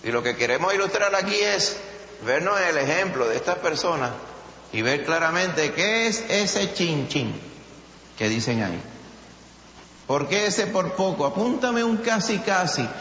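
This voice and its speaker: A man with a Puerto Rican Spanish accent preaching a sermon, animated, acting out quotes with a rising voice. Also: fairly high pitch, measured pace. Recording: echoey hall, dull sound, faint noise.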